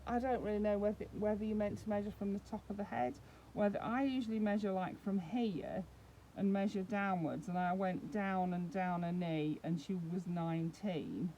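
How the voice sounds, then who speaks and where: Brief: woman, doll-collector vlogger, mid pitch, chatty step-by-step demo, faint background hiss. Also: steady tone, moderate pace, dark tone, highs cut off. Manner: chatty, explains step by step while handling the doll. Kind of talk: casual unboxing demonstration.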